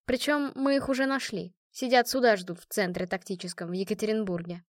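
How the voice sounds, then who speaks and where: A woman narrator voicing a calm, curt female squad commander. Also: mid-range voice, a little fast, dry recording, clean studio sound, close to an everyday voice.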